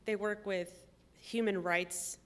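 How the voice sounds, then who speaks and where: A woman in a conversational interview, explaining step by step in a measured way and pausing often with "um". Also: medium pitch, steady tone, a bit bright. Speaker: trip participant.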